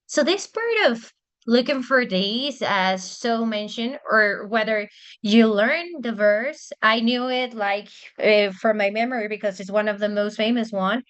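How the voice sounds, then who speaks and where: A woman's voice: fairly high pitch, measured pace, fairly bright tone, clean tone, highs cut off. A woman whose first language is Spanish, explaining church interpreting in casual talk, hesitant with many fillers and restarts.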